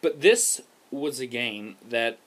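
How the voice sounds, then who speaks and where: An Australian man reviewing a video game over gameplay footage in a casual, profane, ranting way with loud emphatic outbursts. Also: mid-range voice, animated, slow pace, breathy edge.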